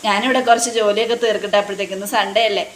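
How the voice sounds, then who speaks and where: A woman's voice: medium pitch, fairly even intonation, rapid-fire, lightly acted. A woman voicing an outspoken young female friend, in a plain retelling voice. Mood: friendly. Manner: plain retelling voice, barely changed. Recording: echoey room, faint noise.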